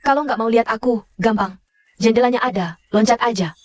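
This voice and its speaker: A woman's voice: a little high, fairly quick, close to an everyday voice. An actress dubbing a defiant grown daughter who snaps back at her father. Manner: retorting, defiant. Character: sharp-tongued grown daughter, busy career woman. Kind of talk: dubbed drama dialogue.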